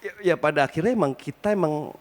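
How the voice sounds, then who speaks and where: A man's voice: a little high, quick pace. A middle-aged man on a stage panel, telling a rambling personal story and correcting himself as he goes. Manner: rambling, self-correcting anecdote. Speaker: panel guest. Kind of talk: live stage talk.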